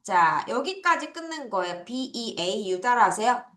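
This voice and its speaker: A woman teaching English words to children, drilling them slowly and laughing now and then. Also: fairly high pitch, very animated, fairly bright tone. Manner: slow, drawn-out drilling of words. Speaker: English tutor. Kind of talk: online vocabulary lesson for children. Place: classroom. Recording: echoey room.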